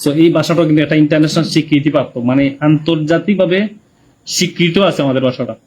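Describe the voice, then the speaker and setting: A man's voice: a little high, fast talker, darkish tone. A man with a Sylheti Bengali accent chatting casually on a live stream, reading viewers' comments and greeting them by name.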